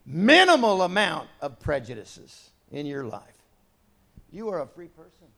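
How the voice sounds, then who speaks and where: A middle-aged pastor delivers a sermon conversationally, slipping into quiet asides and then building to loud, emphatic points. His voice sits on the high side, swoops wildly in pitch, and never hurries.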